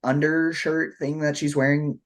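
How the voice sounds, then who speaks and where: A man's voice: on the high side, little pitch movement, measured pace. A man with a sassy, campy drag-queen delivery, chatting casually as a review show co-host. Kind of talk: casual panel review chat.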